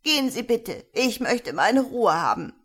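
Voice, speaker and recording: A woman voicing a frail, very old lady who speaks high and almost shouts, with a quavering edge. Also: big pitch swings, moderate pace. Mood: hysterical.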